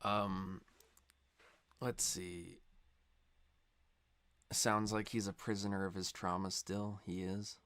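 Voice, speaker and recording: A young man hosting a reaction video, talking in a rambling, filler-heavy way that swings into loud, impassioned rants. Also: low-pitched, flat delivery, slow, long pauses. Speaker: reaction channel host. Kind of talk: casual reaction commentary.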